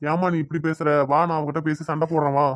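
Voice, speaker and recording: A man voicing a protective middle-aged cartoon father in Tirunelveli Tamil, gentle with his daughter and scolding with his wife. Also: fairly high pitch, level tone, quick pace, dry recording, natural voice. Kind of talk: cartoon dialogue.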